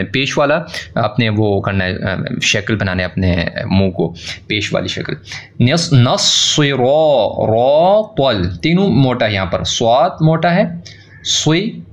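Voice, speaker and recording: Man teaching slow, drawn-out recitation. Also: mid-range voice. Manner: stretches recited words out slowly to demonstrate sounds; corrective, repeats right and wrong forms. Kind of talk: pronunciation lesson.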